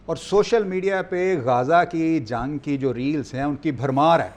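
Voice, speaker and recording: A man's voice: fairly high pitch, crowd noise. A man speaking as a guest analyst in a studio discussion, earnest and reflective, often trailing off.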